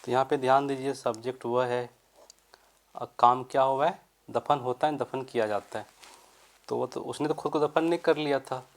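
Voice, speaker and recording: A man teaching English grammar in Hindi, explaining step by step, asking questions and answering them himself, and reading the example sentences slowly and deliberately. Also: mid-range voice, fairly even intonation.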